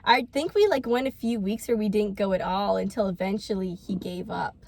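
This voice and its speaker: A woman's voice: mid-range voice, brisk, vocal fry, darkish tone, no echo. A young woman telling a story in casual vlog chat, full of fillers. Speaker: vlogger.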